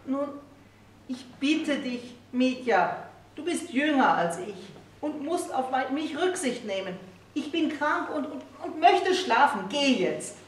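A woman's voice: a little high, animated, slow pace. A grumpy, touchy middle-aged husband who grumbles and slips into a plaintive whine, as a woman reads him aloud. The voice sits far off in a roomy space with a faint hiss behind it. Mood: whiny. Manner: grumbling, turns whiny and plaintive.

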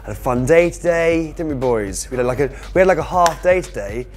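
A British man in his twenties from the United Kingdom vlogs a road trip on a lapel mic, outdoors and in hotels, chatting in a jokey, self-mocking way. His voice is a little high, fairly quick and lively in intonation, with music playing underneath.

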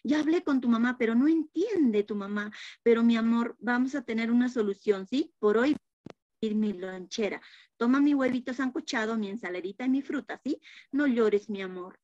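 A student teacher playing a gentle preschool teacher who coaxes a child with endearments. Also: female voice, sits high, slow, few pauses, dry recording, pitched above the performer's own voice. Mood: soothing. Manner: coaxing, affectionate endearments. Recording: dull lo-fi video call audio.

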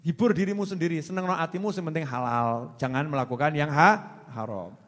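Male preacher, Javanese accent, animated and teasing, slightly high voice, long hall reverb. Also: fairly quick. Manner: animated and teasing, mixing in local words. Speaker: Islamic preacher. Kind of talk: sermon answering a question.

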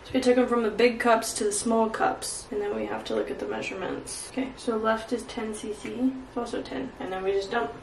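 A woman's voice: a little high, expressive, a little fast, few pauses. A young woman casually explaining aftercare for a vlog in a blunt, informal way. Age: young adult. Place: small bathroom indoors. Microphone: camera mic a step away. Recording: echoey bathroom, distant mic, background noise.

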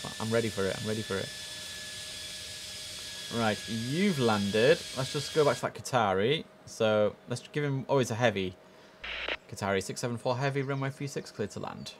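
This young man's voice sits at a medium pitch and keeps a moderate pace. Headset on and seated at a desk at home, he plays an air traffic control game on stream, talking with his chat and dropping in terse radio phrasing alongside relaxed commentary.

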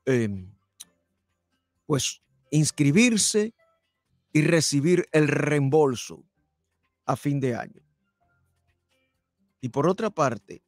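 An older man hosts a live radio talk show, speaking into a studio mic while wearing headphones. His voice sits on the high side, and the recording has no echo. He is emphatic, repeating key phrases.

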